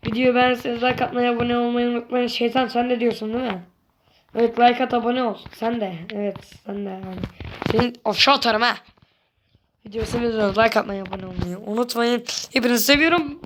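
A woman narrates her own gameplay for viewers in a casual, excitable way, often exasperated. Her voice sits fairly high. The home recording carries clear background noise and clicks. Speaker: gaming YouTuber.

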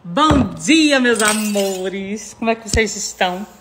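A woman's voice: medium pitch, lively intonation, takes it slowly, noisy background. Chatty Northeastern Brazilian woman vlogger. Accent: Northeastern Brazilian Portuguese. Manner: emotional and chatty, keeps addressing viewers. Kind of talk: casual chat to followers. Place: at home.

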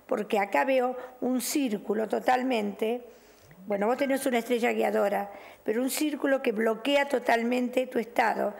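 A woman's voice: a little high, normal speed, gravelly. A middle-aged woman with a Rioplatense accent hosting a show as a tarot reader, affectionate and chatty with the caller, her voice still recovering from a loss of voice. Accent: Rioplatense Spanish. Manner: affectionate, chatty, calls caller "mi cielo", "querida". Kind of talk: on-air fortune-telling reading.

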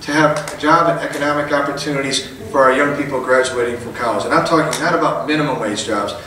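A middle-aged politician with a mid-range, sharp voice speaks quickly at a podium in a large indoor function hall, giving a folksy, rousing campaign rally speech that climbs to emphatic peaks. The podium mic is captured by a far camera, so the hall sounds echoey and distant.

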